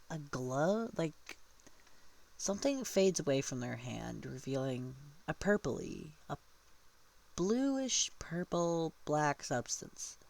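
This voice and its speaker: A man's voice: fairly high pitch, vocal fry. A man casually retelling a tabletop game session, rambling and often correcting himself mid-sentence. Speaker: storyteller.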